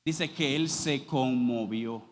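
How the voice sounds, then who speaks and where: A man preaching a sermon as pastor, reading scripture aloud slowly and then explaining it with rising emphasis. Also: medium pitch. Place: church sanctuary. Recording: long reverb of a church hall.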